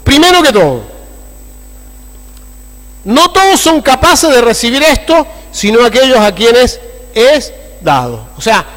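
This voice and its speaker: High, bright-voiced pastor preaching. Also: male voice, measured pace, long pauses. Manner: animated, constantly asking the congregation for agreement. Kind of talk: sermon. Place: church. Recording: long church-hall reverb.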